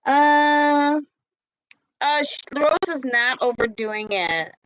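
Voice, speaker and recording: A woman's voice: sits high, animated, slow, fairly bright tone, low-quality recording. A woman co-hosting a casual livestream, friendly and laughing often as she greets viewers by name. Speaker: livestream co-host.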